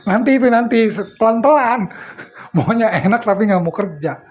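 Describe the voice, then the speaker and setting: A man's voice: high voice, moderate pace. A middle-aged man giving a casual religious study talk, telling stories and laughing often. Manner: chatty storyteller, often laughs. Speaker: preacher.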